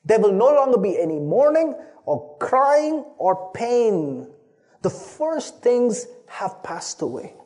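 This high, mellow male voice belongs to a pastor delivering a sermon that weaves in a personal story. He's from Chennai, speaks Tamil natively, has an Indian accent, and tells his tale earnestly, frequently restarting and repeating the opening words of phrases.

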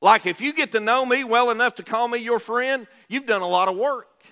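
A man's voice: extremely high pitch, a little fast, sharp tone. A man with an Appalachian accent preaching a sermon in a folksy, conversational way, putting rhetorical questions to his listeners. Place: large reverberant room, preaching to a congregation. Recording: reverberant hall sound.

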